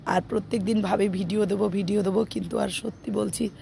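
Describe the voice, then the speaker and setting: Hoarse middle-aged woman vlogging on a phone from her rooftop, croaky gravelly voice, slow rambly chat full of ums. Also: mid-range voice, steady tone, a little hiss or hum. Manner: soft, slow and chatty with many fillers. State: hoarse from a cold. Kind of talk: casual chat to viewers. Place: rooftop outdoors in the morning.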